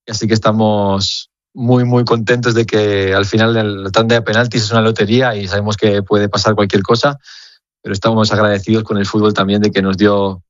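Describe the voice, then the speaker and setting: A young man from Spain, a footballer, answering questions earnestly over the phone, halting and repeating words as he searches. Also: fairly low pitch, level tone, no echo, dull audio. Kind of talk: phone interview.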